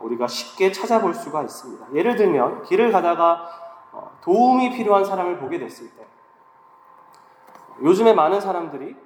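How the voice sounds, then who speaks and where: A man delivers a sermon in a fairly high voice that sounds stuffed-up, as if his nose were pinched by a cold. He explains things in a measured way, pausing as he goes. The hall echoes around him, with faint noise behind. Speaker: preacher, guest speaker at a church young adult service.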